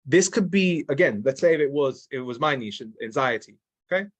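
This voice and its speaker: A man runs a casual sales training session, thinking aloud and circling back to the same point. His voice sits at an ordinary middle pitch. He often restarts his sentences and keeps checking in with "okay?" and "right?". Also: lively intonation, fairly quick. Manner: drops in mild swearing.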